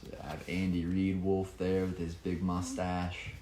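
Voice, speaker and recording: In an echoey room with faint background noise, a man who writes children's books reads one of his rhyming picture books, adding dramatic emphasis and casual asides. His deep, dark voice stays monotone and a little slow.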